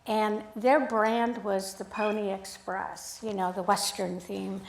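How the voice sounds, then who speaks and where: A woman photographer giving a casual, storytelling talk at an art club, chatty and animated, acting out the dialogue she recalls. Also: medium pitch, slow pace, creaky, slight background noise. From United States, grew up in Sacramento. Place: art club event room. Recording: echoey room.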